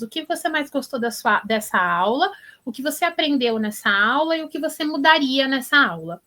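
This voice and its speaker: Woman, teacher, animated storyteller, encouraging, slightly high voice. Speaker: teacher and education influencer guest. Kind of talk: interview answers.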